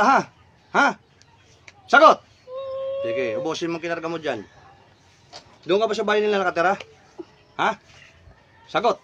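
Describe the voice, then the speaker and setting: A man's voice: sits high, fairly bright tone, husky. A middle-aged man, a folk healer, commanding a spirit during a healing ritual and sharply demanding answers over and over.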